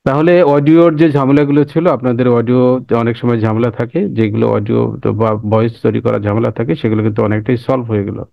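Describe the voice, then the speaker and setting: A male instructor teaches a software class over a screen recording, repeating steps and frequently checking that people are keeping up. He talks fast in a gravelly, mid-range voice with fairly even intonation. The recording is dry and dull, with no echo.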